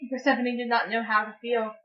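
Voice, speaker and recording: A woman storyteller narrating a dramatic story reading in an expressive, dramatic way. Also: fairly high pitch, fairly quick, far from the mic, dull audio.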